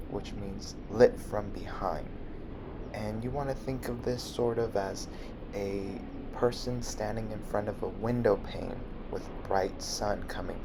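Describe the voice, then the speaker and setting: Young male art teacher, low gravelly voice, measured delivery with fillers, faint hiss behind. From Southern California. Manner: measured, explanatory, with hesitant fillers. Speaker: art instructor. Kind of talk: narrated drawing demonstration.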